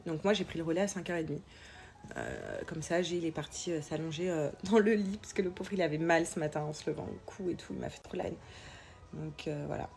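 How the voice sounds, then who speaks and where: A young woman with a low voice, stuffed up and nasal from a sore, swollen-sounding throat. She chats informally to her followers, hesitating as she goes, like a mother sharing her day. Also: gravelly, darkish tone. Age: young adult. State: coming down with a cold, sore throat. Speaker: mother vlogging about family life. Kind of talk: casual chat to followers.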